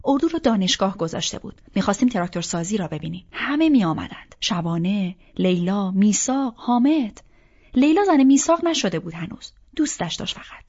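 A woman's voice: medium pitch, animated, a little mellow. A woman reading a first-person novel aloud as an audiobook narrator, in a reflective, inward storytelling manner. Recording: slightly dull audiobook recording.

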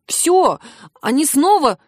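A woman's voice: high-pitched, very animated, slow pace, a little mellow, dry recording, studio quality, pitched above the performer's own voice, full character voice. A woman voicing a jittery young male court assistant who pleads breathlessly. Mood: panicked.

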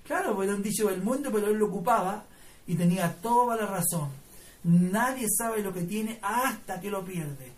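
Fervent Chilean pastor, heard from afar. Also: male voice, high voice, expressive, moderate pace, far from the mic. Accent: Chilean Spanish. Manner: fervent, folksy, addresses listeners as brother. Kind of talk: live sermon with personal testimony. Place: church service.

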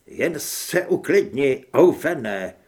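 A man's voice: medium pitch, sing-song, vocal fry, a little mellow. A man doing a nervous pleading hunter. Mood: placating. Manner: raised, pleading, placating.

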